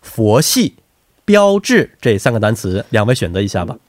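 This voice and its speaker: A man's voice: on the low side, very animated, moderate pace, no room sound, studio quality. A man hosting a quiz show in a chatty, teasing way, talkative and often adding tag questions.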